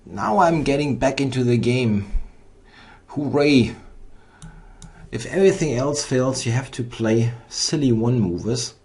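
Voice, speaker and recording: A man giving live think-aloud chess commentary on his own blitz game, halting and muttering to himself as he thinks. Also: mid-range voice, a little mellow.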